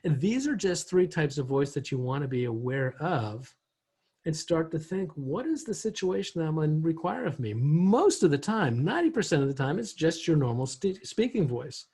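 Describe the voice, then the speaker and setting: A man giving a recorded training lesson on communication, conversational, often acting out voices and switching pitch and pace to demonstrate. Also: animated, moderate pace, mellow, husky. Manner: conversational, asks rhetorical questions.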